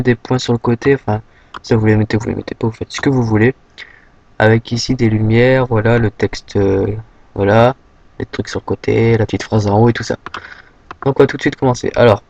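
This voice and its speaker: A young man from France giving a casual, rambling software tutorial, full of fillers and a habit of saying "hop" as he clicks. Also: mid-range voice, no echo, rough recording. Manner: rambling, filler-heavy, says "hop" often. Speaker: tutorial maker.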